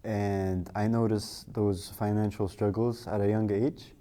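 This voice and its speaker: Young man with a low, flat, dark voice. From Saudi Arabia. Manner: calm, measured, with "uh" fillers. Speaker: guest.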